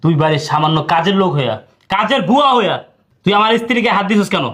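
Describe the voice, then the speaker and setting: A stern, wealthy husband, acted by a man,. He barks orders harshly, in a voice pitched high for a man. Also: expressive, very fast, fairly bright tone, echoey room. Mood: angry. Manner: harsh, commanding. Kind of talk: social media skit acting.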